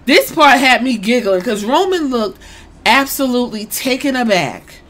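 A woman excitedly retelling a wrestling press conference in casual, profane storytelling, acting out what each man said. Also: a little high, moderate pace. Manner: excited, swears a lot, acts out quotes.

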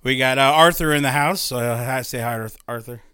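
A man in his thirties hosts a loose, chatty podcast while still out of breath, his sentences trailing off and restarting as he laughs at himself. His voice sits at an ordinary middle pitch. The sound is dry and close, with no room echo. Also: fairly quick, pushed and bright, smooth. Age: 30s. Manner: rambling, laughing, self-mocking. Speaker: podcast host. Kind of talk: casual podcast chat.

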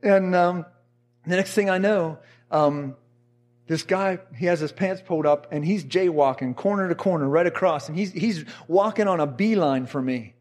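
Man, middle-aged, high-pitched, preaching a sermon story, animated, acts out other voices. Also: moderate pace.

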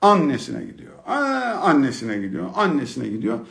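A middle-aged man telling a humorous personal story about being a father, in an expressive, colloquial manner. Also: mid-range voice, moderate pace, gravelly. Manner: expressive, humorous, colloquial, swings from hushed to excited. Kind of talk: storytelling talk.

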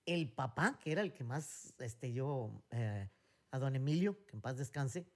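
A man's voice: medium pitch, expressive, a little slow. A middle-aged man with a Mexican accent, co-hosting a casual chat and rambling through stories with many fillers and restarts. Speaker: podcast co-host.

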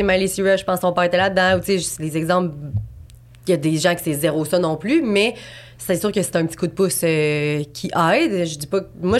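A woman aged twenty-eight with a Quebec French accent, talking casually and at length as a guest artist in an interview, with lots of fillers and restarts. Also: mid-range voice. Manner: chatty, rambling, many fillers and restarts.

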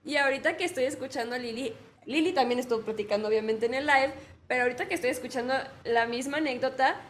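High-voiced woman co-hosting a podcast. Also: fast talker, slight background noise. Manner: chatty, laughs easily. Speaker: podcast co-host. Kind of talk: casual interview chat.

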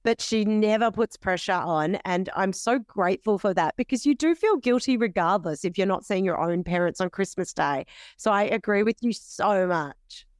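Pregnant woman, 30s, podcast co-host, chatty and giggly, mid pitch, dry sound. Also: expressive, moderate pace, no echo. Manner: chatty, laughs often, enthusiastic agreement. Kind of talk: casual chat.

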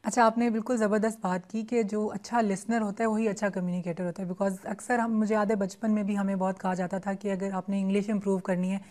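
Woman host, chatty interviewer, drops English phrases in, mid pitch. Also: flat delivery, quick pace, few pauses, a little mellow. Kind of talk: interview questions and remarks.

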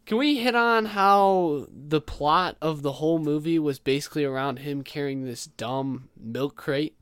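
A man's voice: a little high, a little slow, a bit bright, clean tone, no room sound, clean studio sound. A man co-hosting a podcast in casual chat, laid-back and laughing along. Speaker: podcast co-host.

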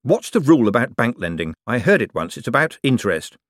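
A man voices a quick-witted rogue turned official, dry and wry. The voice stays close to the narrator's own, with an animated rise and fall. It sounds close and dry. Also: mid-range voice, dry recording, close to an everyday voice.

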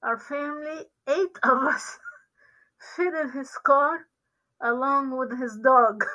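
A woman's voice: a little high, pushed and bright, rough recording. A middle-aged woman from Lebanon, a guest giving an earnest, careful faith testimony.

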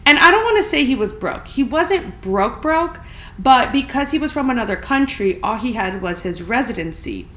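A woman's voice: fairly high pitch, very animated, normal speed, a bit bright. A woman hosting a casual, chatty solo podcast, talking in a candid, emphatic, informal way in a spacious, echoing apartment. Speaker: podcast host. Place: friend's spacious apartment, indoors. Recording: big echoey room, clear background noise.

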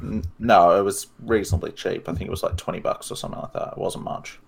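A man's voice: sits low, fairly even intonation, fast talker, vocal fry, a little hiss or hum. An Australian man chatting casually on a podcast in a rambling, occasionally sweary way.

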